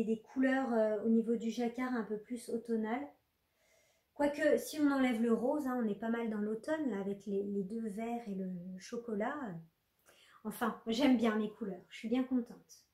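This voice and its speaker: A woman's voice: on the high side, a little mellow, reverberant. A woman chatting casually with viewers in a knitting vlog, full of fillers and restarts. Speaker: knitting podcaster.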